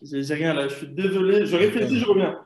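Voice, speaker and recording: A man's voice: sits high, fast, darkish tone, a little hiss or hum. Young male student, hesitant, echoey room. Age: young adult. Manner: hesitant, self-deprecating. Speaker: student guest. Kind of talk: casual chat.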